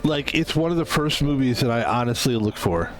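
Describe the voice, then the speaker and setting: A man's voice: medium pitch, lively intonation, brisk, faint music behind, poor audio. A man in his fifties chatting casually as a game streamer, rambling and interrupting himself. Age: 50s. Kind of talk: casual gaming stream chat.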